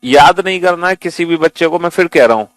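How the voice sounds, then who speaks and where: A man's voice: on the high side, quick pace, fairly bright tone, dry recording. A male teacher giving a coaching-class lecture in a patient way, repeating and spelling out letters and calling the students "beta".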